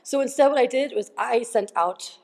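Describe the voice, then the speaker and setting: A shaky young woman giving a tearful, laughing personal testimony, halting and full of fillers. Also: a little high, vocal fry, darkish tone. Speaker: retreat participant. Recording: long hall reverb.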